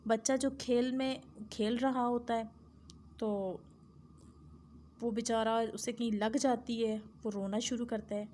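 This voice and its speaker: A woman teacher with a fairly high voice walks her class through a story, explaining as she goes and leaning on filler phrases. A faint hiss sits under her voice. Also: steady tone, dark tone. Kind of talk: lesson retelling a story.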